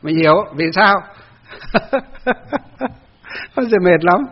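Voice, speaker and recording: A Buddhist monk gives a dharma talk, telling a personal story in a loose, chatty way with many fillers and acted-out quarrels. His voice sits high for a man. The recording sounds dull and lo-fi. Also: takes it slowly, husky.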